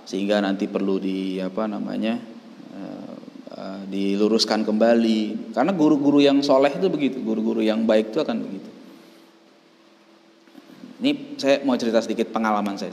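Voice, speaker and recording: A middle-aged man with an Indonesian accent giving a religious study lecture, speaking in a gentle storytelling manner and often tagging his phrases with "ya". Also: on the low side, fairly even intonation, fairly quick, vocal fry, a little hiss or hum. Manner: gentle storytelling, frequent "ya" tags. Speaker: religious teacher. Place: Islamic boarding school hall. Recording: long hall reverb.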